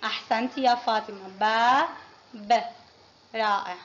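A woman's voice: fairly high pitch, fairly even intonation, moderate pace, fairly bright tone. A woman kindergarten teacher in a classroom, patiently quizzing pupils one by one and praising each answer. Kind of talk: classroom phonics lesson. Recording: muffled lo-fi with faint noise.

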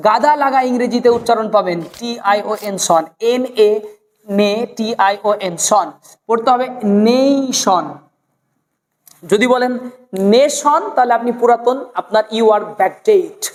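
A woman teaching an English pronunciation class, drilling words slowly and repeating each one, asking the viewer questions as she goes. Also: a little high, darkish tone, long reverb tail. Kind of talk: spoken English lesson.

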